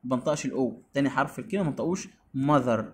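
A man's voice: mid-range voice, rapid-fire, slight background noise. A man with an Egyptian Arabic accent teaching beginner English, repeating each word and quizzing his pupil.

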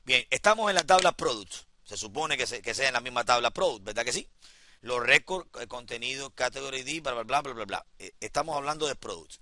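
A man teaching a software class in a classroom, repeating each step and talking straight to his students. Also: mid-range voice, animated, a little fast, no echo. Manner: repeats instructions, addresses students directly. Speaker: computer instructor.

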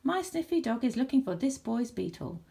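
A woman's voice: a little high, sing-song, moderate pace, vocal fry, warm tone, voice pushed up. Storybook dog owner, male, bossy and reassuring, voiced by a woman. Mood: confident. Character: confident man with a dog.

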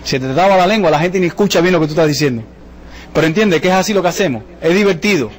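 A man's voice: high voice, lively intonation. A man giving a jokey motivational sales presentation to a live audience, firing off rhetorical questions. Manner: jokey, rapid-fire, full of rhetorical questions. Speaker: business presenter. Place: event room with a live audience.

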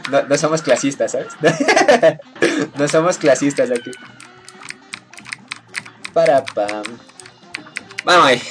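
A woman chatting casually with her viewers while she plays a video game, playful and teasing and laughing often. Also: deep voice. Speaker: game streamer. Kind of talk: casual live-stream chat while gaming.

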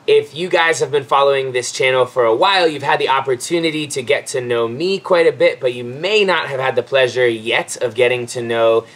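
A man's voice: medium pitch, brisk, few pauses, a bit bright. A man in his thirties hosting a casual backyard chat, upbeat and friendly, recorded outdoors on a covered patio by a camera mic at a distance. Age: 30s. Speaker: host.

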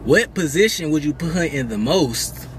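Man hosting a blind date, lively up-and-down voice, slightly high, loud, slangy, music underneath. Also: moderate pace, background noise. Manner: loud, excitable, slangy, keeps asking "you know what I'm saying". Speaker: host of a blind date video. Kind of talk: casual hype hosting.

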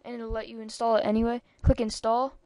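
The maker of this screen-recorded computer tutorial sounds young and female, rambling casually with many ums and side comments. She speaks quickly in a fairly high, dark-toned voice that barely shifts in pitch, recorded with no room sound.

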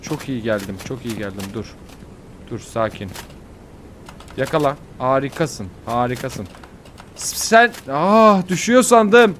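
A young man giving casual, excitable commentary on his own gameplay, fretting aloud and yelping at near falls. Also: medium pitch, background noise. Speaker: gaming YouTuber.

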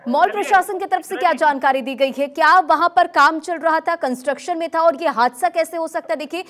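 A woman's voice: very high-pitched, a little fast, a bit bright, slight background noise. A female news anchor presenting breaking news in an urgent, formal way and putting probing questions to a reporter.

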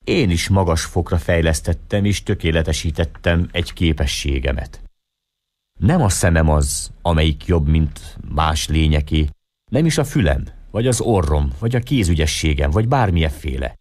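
A man's voice: extremely low pitch, lively intonation, a little mellow, dry recording, clean studio sound. A man voicing a proud European man who lectures earnestly about his intellect, in an audiobook reading.

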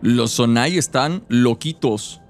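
A man's voice: mid-range voice, slow, faint music behind. A man in his thirties with a Mexican accent giving joking, slangy live game commentary. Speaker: game streamer. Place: indoor streaming room.

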